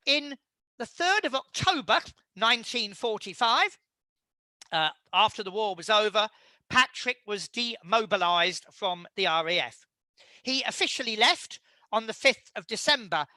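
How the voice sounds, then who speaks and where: Bright-toned man giving a halting lecture. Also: high voice, dry recording. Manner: measured, halting with frequent fillers. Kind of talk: illustrated history talk.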